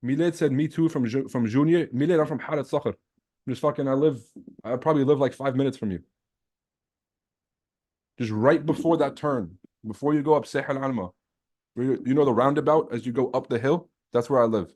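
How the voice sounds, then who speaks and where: With a medium pitch and a darkish tone, a trading livestream host speaks a little fast. He's a man from Lebanon, a native Arabic and French speaker, chatting casually with live viewers in a slangy, boastful style laced with swearing.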